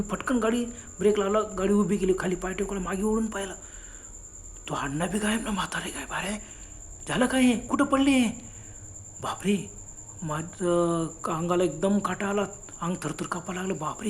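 A man telling a first-person ghost story in a hushed, dramatic way, often dropping to a near whisper. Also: sits high, a little hiss or hum. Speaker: horror storyteller and channel host.

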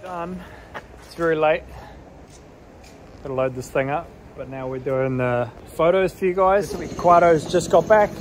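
This man, a vlog host and race car driver, narrates into a handheld phone at arm's length, sounding informal, exclamatory and slangy. His voice is fairly high and a little slow with frequent pauses, and there is slight background noise plus music as he travels outdoors, in a vehicle and through a large exhibition hall.

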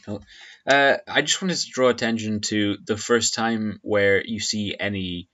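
Deep-ish male co-host for a casual movie review, jokey and chatty, throws in little impressions. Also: sharp tone. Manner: jokey, acts out scenes in quick impressions. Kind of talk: casual film review chat.

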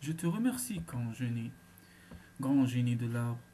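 A man's voice: medium pitch, expressive, unhurried, warm tone, slight background noise, close to an everyday voice. A man voicing a devoted old goat turned young woman, speaking earnestly in a raised voice in a told folktale. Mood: grateful.

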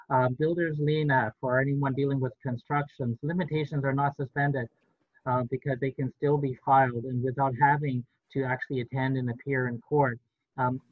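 A man's voice: mid-range voice, no echo. Middle-aged man lawyer on a tinny call. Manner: explanatory, measured, frequent fillers. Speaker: real estate lawyer. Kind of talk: panel discussion on a video call. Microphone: video call. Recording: dry, tinny phone-like line.

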